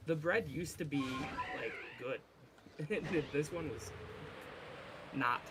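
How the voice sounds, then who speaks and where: A man's voice: a little high, slow, noisy background. A man in his twenties chatting casually, explaining eagerly and laughing easily. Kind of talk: casual chat.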